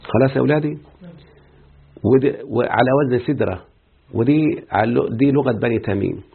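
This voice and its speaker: A man with an Egyptian Arabic accent lectures on grammar, going slowly through each point and quizzing his students as he goes. His voice is gravelly and a little husky. The recording is thin and phone-like. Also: mid-range voice. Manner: explains step by step, repeats terms, asks students questions. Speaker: Islamic grammar teacher.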